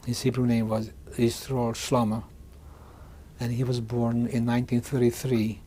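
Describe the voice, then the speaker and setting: A man in his sixties from Hungary, giving oral history testimony in a halting way, often restarting and repeating words. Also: mid-range voice, flat delivery, dark tone, a little hiss or hum. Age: 60s. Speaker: interviewee.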